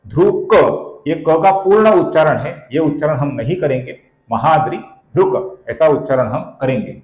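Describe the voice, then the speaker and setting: A man teaching the pronunciation of verses, speaking slowly and deliberately and stretching out syllables, and addressing viewers as friends. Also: on the high side, lively intonation, darkish tone, reverberant, poor audio. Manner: slow and deliberate, stretching out syllables when he chants. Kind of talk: slow, careful recitation lesson.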